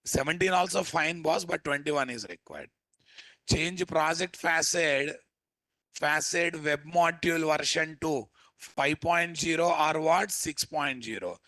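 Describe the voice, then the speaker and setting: A man with a Telugu Indian accent teaching a live step-by-step software tutorial, informally addressing learners and often asking rhetorical questions. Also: a little high, a little slow, no echo. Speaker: software instructor.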